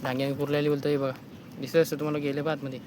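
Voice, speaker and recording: A man's voice: fairly high pitch, monotone, very fast, heavy background noise. A man vlogging casually outdoors while checking crab nets by the water, chatting to viewers and pointing things out as he films on a phone.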